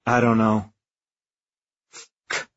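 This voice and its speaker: Slow, husky, frightened young man. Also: medium pitch, steady tone, lo-fi sound. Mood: shocked, distraught. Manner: halting, shaky, despairing. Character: terrified young male lieutenant trapped on a stricken spaceship. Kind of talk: dramatized audiobook acting.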